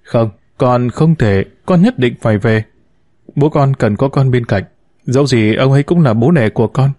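A man's voice: mid-range voice, moderate pace, mellow, no echo, clean studio sound, close to an everyday voice. A man voicing an earnest, stubborn young adult son who argues firmly with his mother in an audiobook story. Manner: earnest, pleading yet firm.

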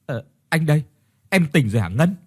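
A man's voice: on the high side, very animated, fairly quick, darkish tone, breathy edge, no room sound, clean studio sound. A man voicing a frightened, guilty young husband who stammers in panic. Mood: uneasy.

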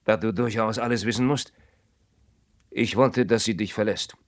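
A man's voice: fairly low pitch, fairly even intonation, normal speed, lightly acted. An actor in a radio play voicing a man defending himself after an affair with his best friend's wife. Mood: earnest. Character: guilty best friend and secret lover, earnest.

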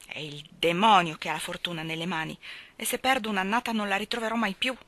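A woman's voice: mid-range voice, steady tone, quick pace, fairly bright tone, no room sound, lightly acted. A woman reading the part of an aging father, speaking anxiously with a trembling voice in an audiobook. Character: worried aging father, a miller, guarding his savings.

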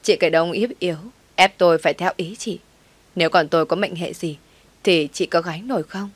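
Defiant young mistress , read by a woman, low voice, dry audiobook sound. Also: fairly even intonation, brisk, no room sound, natural voice. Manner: defiant, shrill protest.

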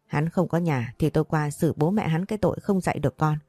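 A woman's voice: deep voice, slightly rough, no room sound, faint music behind. Woman voicing a furious hot-tempered old father. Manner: furious, rapid shouting threats.

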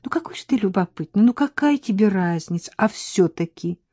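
A woman's voice: mid-range voice, animated, fairly quick, dark tone, husky, no room sound, clean studio sound. Milka, a coquettish young woman, read by a woman. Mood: urgent. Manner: coquettish, teasing, talkative.

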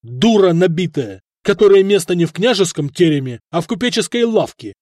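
A man's voice: a little high, expressive, normal speed, dry recording, clean studio sound. Man playing a stern, cold prince. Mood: loud, cutting. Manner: firm, cold, growing loud and cutting. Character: stern, cold middle-aged prince, stubborn ruler.

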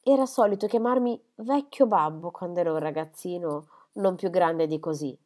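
A woman's voice: on the low side, moderate pace, warm tone, natural voice. Woman reading as a grieving old squire. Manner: emotional, outbursts of grief and anger. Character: grieving elderly country squire, impulsive and proud.

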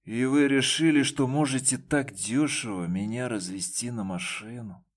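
A man voicing a numb, detached young man in an audiobook, speaking flatly. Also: medium pitch, moderate pace, close to an everyday voice. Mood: cold. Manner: flat, detached.

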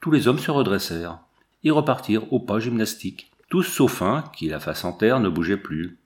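A man narrating a war memoir in a measured, steady reading. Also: fairly low pitch. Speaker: audiobook narrator.

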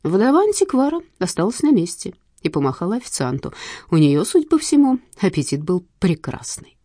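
A woman reading an audiobook in a lively, wry storytelling manner. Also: mid-range voice, fairly quick, dry recording, clean studio sound. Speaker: narrator. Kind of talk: audiobook narration.

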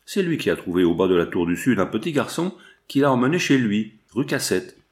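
A man's voice: fairly low pitch, sing-song, a little fast. A man reading the part of a mocking, gloating old male villain in disguise in an audiobook.

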